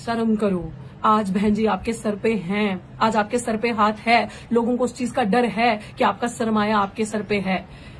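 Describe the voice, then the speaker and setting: A woman's voice: medium pitch, fairly even intonation, unhurried, a little hiss or hum. A woman activist and candidate giving an impassioned live political address, rhetorical and fervent, slipping English phrases into her speech.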